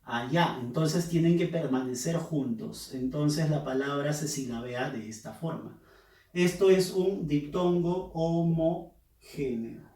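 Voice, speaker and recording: A man's voice: fairly high pitch, slow, dark tone. A male teacher giving a recorded review lesson, explaining patiently and repeating key terms. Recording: roomy echo, mic at a distance.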